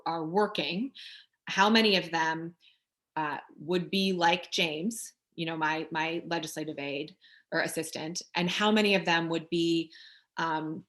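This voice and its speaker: A woman with a lowish voice presents at a conference over a video call. She talks conversationally, pausing with ums and restarting her sentences as she explains. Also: a bit bright. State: out of breath. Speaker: city council member presenting.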